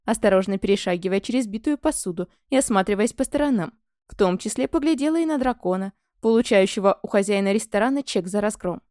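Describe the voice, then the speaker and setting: A woman narrating a fantasy audiobook in the first person, expressive and scripted, on a close microphone. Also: fairly high pitch, no echo.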